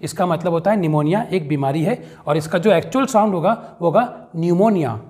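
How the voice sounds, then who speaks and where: A man's voice: on the high side, brisk, darkish tone. A man, teaching an English lesson step by step and calling his viewers friends. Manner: explains rules step by step, addresses viewers as friends.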